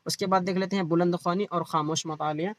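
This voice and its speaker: A man's voice: high-pitched, level tone, dry recording. Quizzing man teaching. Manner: explains by asking and answering his own questions. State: feeling unwell. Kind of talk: online exam-prep lecture.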